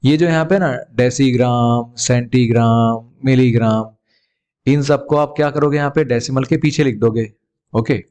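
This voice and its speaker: A man's voice: mid-range voice, moderate pace, a little mellow, clear, resonant tone. A male teacher with an Indian English accent walks young students through a math lesson. His voice sits mid-range, and he keeps asking questions, then answering them himself in a patient classroom tone. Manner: addresses students as beta, asks and answers his own questions.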